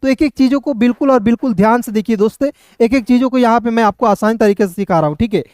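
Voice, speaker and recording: A male English teacher walks through spelling and pronunciation rules, sounding out letters before saying each word. His voice is smooth and clear. The recording is close and dry, with no room sound. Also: extremely high pitch, fast talker, darkish tone, dry recording. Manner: spells words letter by letter, often repeating "दोस्तों".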